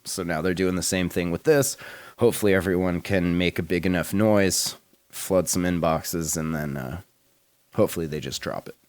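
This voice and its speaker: Laid-back deep-voiced man rambling. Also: normal speed, no echo. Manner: laid-back, rambling, swears and laughs often. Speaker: podcast host. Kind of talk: casual chat.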